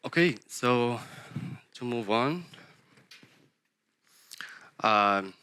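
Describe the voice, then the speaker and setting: A man's voice: mid-range voice, animated, drawn-out words, sharp tone, clean tone. A man from Morocco hosting a design workshop, speaking with frequent hesitations and fillers. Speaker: workshop host, head of design. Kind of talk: workshop presentation. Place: conference workshop room.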